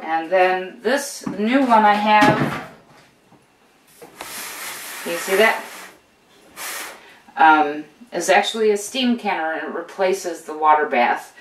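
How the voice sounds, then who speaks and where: An older woman from the United States, a homesteading channel host, chats encouragingly in a casual how-to while showing gear indoors in a kitchen with steel counters, full of fillers and restarts. Her lowish voice is animated, slow, and often pausing. She's recorded from a distance, off-mic, with roomy echo and a little hiss or hum.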